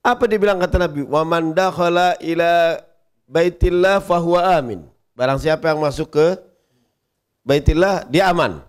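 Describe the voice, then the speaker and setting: A middle-aged man, preaching casually and acting out the people in his stories. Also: on the high side. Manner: lively storytelling, acting out quoted parents and kids. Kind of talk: casual sermon.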